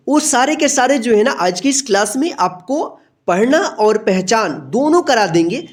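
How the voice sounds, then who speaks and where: A woman teaching a beginner alphabet lesson, patient and repetitive, who draws out each letter sound and checks in with her students again and again. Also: fairly high pitch.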